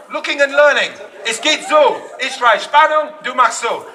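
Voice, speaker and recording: A man working as a street performer, joking loudly with a festival crowd in broken German mixed with English, often shouting. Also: very high-pitched, unhurried. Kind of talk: live street show banter with the crowd. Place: outdoor town square at a street festival. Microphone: no mic, filmed from a distance. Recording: distant outdoor camera audio with crowd and noise.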